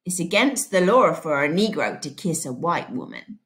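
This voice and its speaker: A woman's voice: low voice, sing-song, pitched below the performer's own voice. A woman doing a drunk drawling sheriff. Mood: leering drawl. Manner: slow drawl. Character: drunk leering small-town male sheriff.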